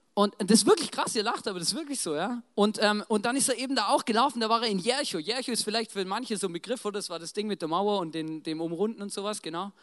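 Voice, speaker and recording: A preacher telling a Bible story in a casual, slangy, animated way, often checking in with the congregation. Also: mid-range voice. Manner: slangy, animated, keeps asking "right?". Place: church in front of a congregation. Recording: long church reverb.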